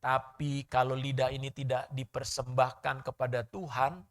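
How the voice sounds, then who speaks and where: Male pastor, lively sermon delivery with sharp swings in volume, questions his congregation. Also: medium pitch, normal speed. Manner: animated preaching with sudden loud and soft swings.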